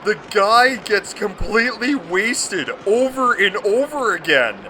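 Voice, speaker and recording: A man's voice: high-pitched, slow pace, heavy background noise. A man giving a comedic movie review, gushing and swearing often. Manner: profane, excitable and gushing.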